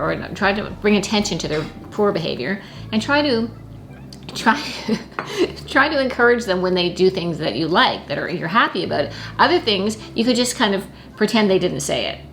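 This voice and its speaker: A middle-aged woman chatting casually as a guest, with mild, halting, hesitant phrasing. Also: medium pitch, very animated, vocal fry, fairly bright tone, a little hiss or hum. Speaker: host's mother, guest. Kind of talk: casual chat.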